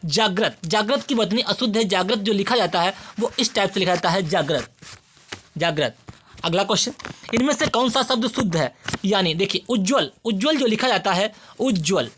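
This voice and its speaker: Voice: medium pitch, lively intonation, normal speed, fairly bright tone, slightly rough. A teacher giving an exam-prep spelling lesson who addresses students directly and repeats each word several times while explaining.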